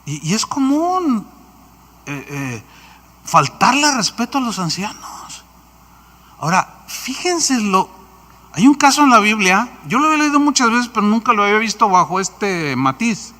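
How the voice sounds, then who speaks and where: A man with a Mexican accent preaches with an animated storytelling manner. His voice sits high and sounds bright. A long hall reverb rings behind every phrase. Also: a little slow. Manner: animated storytelling, acts out quotes. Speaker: pastor. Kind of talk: sermon.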